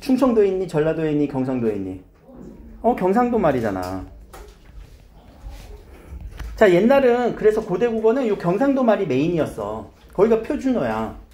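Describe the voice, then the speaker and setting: Male classroom teacher, lively pitch, coaxing questions at students, repeats key terms. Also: brisk, slight background noise. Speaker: high school Korean teacher. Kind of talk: classroom grammar lesson.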